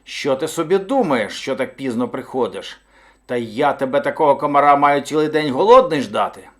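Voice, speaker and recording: A man's voice: mid-range voice, a little slow. A man voicing a hungry, furious male bear who roars and blusters in a storybook tale. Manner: roaring, blustering shouts. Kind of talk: storybook read-aloud.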